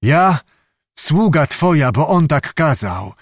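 A brash young giantess witch, as a male narrator puts her on coaxes in a folksy storybook voice. The voice sits a little above his own and carries loud and forward, with a dry close sound. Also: fairly high pitch, very animated, takes it slowly, husky, no room sound, exaggerated voice. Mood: coaxing. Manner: coaxing, folksy speech.

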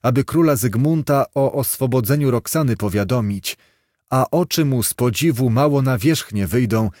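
A man's voice: mid-range voice, moderate pace, darkish tone, no room sound, clean studio sound. A man narrating an archaic fairy tale aloud in a solemn storybook manner. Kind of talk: storybook reading.

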